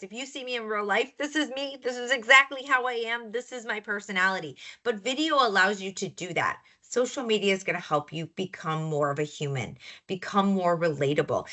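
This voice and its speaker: This is a young woman walking a group through marketing tools on screen. Her voice is bright and sits in a middle range. She talks in a chatty, upbeat way and keeps checking in with "right?". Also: mid-range voice. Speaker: marketing trainer for loan officers. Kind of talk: product demo walkthrough.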